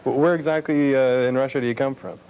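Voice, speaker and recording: Man playing a fumbling self-important host, stammers, mid-pitched, faint hiss behind. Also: steady tone, muffled recording, natural voice. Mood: bossy. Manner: stammering, halting, bossy. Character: pompous bumbling male talk show host. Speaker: talk show host.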